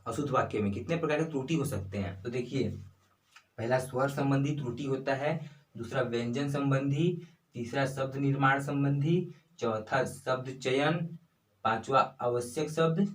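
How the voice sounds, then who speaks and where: A man's voice: mid-range voice, fairly bright tone, echoey room, far from the mic, rough recording. A young man teaching a casual online grammar lesson, chatty, often asking himself questions and repeating his examples.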